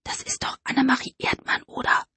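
A woman voicing a self-conscious adult woman who murmurs gossip in a hushed, conspiratorial way in an audiobook. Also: lowish voice, very animated, moderate pace, slightly rough, dry recording, heavily acted.

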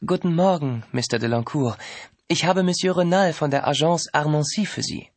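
A man voicing a young woman who plays a French agency's assistant on the phone, businesslike and calm. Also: fairly high pitch, moderate pace, no room sound, voice pushed up.

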